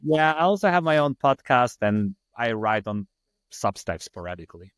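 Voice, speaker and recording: A Ukrainian man in his thirties, a startup founder with a Ukrainian accent, appears as a podcast guest and tells his story in a rambling, self-deprecating, casual way. His mid-range voice is sing-song, a bit bright and resonant at a normal speed, captured in a clear, dry studio-quality recording.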